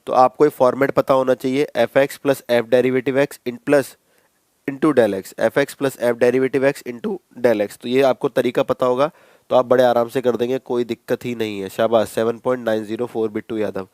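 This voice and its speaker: A man's voice: mid-range voice, flat delivery, normal speed, a little mellow, no echo. A man teaching a maths class, talking students through each step in a casual, repetitive way and calling them bhai. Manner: conversational, addresses students as bhai, repeats steps. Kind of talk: classroom lecture.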